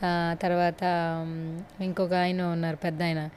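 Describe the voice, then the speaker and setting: A woman's voice: lowish voice, monotone, unhurried, a little mellow, smooth. A woman hosting an interview, asking friendly, curious questions. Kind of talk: casual interview.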